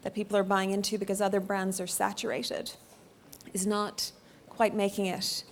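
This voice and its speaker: A woman's voice: medium pitch, completely flat delivery, moderate pace, slight background noise. A woman chairs a policy forum panel. Her voice sits in a middle range, and she speaks in articulate, composed sentences. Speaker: panel moderator. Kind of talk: moderating a panel discussion.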